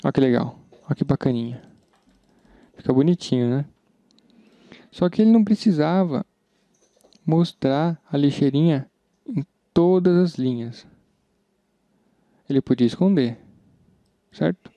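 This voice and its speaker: With a Brazilian Portuguese accent and a warm, slightly high voice, this programming instructor speaks at a measured pace with lively intonation and frequent pauses. He keeps his screen-recorded tutorial casual and chatty, thinking aloud as he works. There is no room sound, and the audio is dull and slightly lo-fi.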